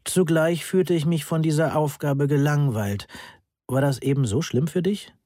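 A man's voice: fairly high pitch, normal speed, warm tone, no echo, clean studio sound, voice pushed up, lightly acted. A man voicing an aloof, cool male math lecturer who speaks politely but with detachment in a German audiobook. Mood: coolly cutting.

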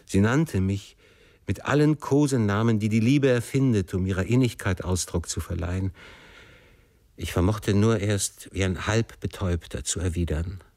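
A man narrating a classic novel in the first person, with measured, emotive storytelling. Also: on the low side, a little mellow, no echo. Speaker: audiobook narrator.

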